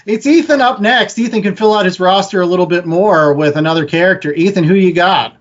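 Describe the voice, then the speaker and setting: A man's voice: sits high, a little fast. A man hosting a podcast, running a draft auction in a casual, jokey auctioneer patter. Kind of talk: casual group chat. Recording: lo-fi with background noise.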